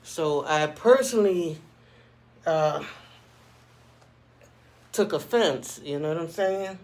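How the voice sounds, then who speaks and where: A man with a somewhat high voice talks casually, as in a personal vlog. He shares his opinions conversationally and keeps checking that the listener follows him. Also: slow, a little mellow, slight background noise. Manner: conversational, frequently checking in with "you know what I'm saying". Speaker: vlogger.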